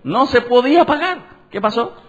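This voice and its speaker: Male pastor, high, animated, questioning sermon, dull lo-fi sound. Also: moderate pace. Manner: conversational preaching, asks the congregation questions. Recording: dull lo-fi church recording.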